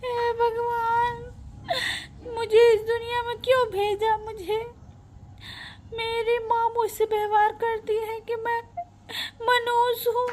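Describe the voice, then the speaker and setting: A woman's voice: high voice, fairly even intonation, takes it slowly. A woman voicing a mistreated young daughter who answers meekly and pleads through tears. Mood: tearful. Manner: meek, pleading, sobbing. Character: mistreated teenage daughter, meek and tearful.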